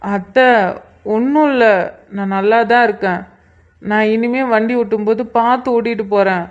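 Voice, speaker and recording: A woman's voice: a little high, normal speed, dull audio, close to an everyday voice. A woman voicing a playful young husband in a cartoon, soothing his worried family from a hospital bed. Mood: reassuring. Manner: teasing, soothing. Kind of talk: cartoon voice acting.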